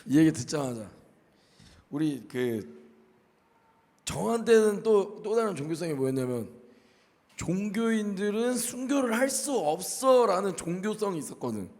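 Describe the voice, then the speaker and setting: A man in casual faith talk, telling a story in an expressive way and quoting others in lively voices. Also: high voice, unhurried, long pauses, long reverb tail. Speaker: co-host.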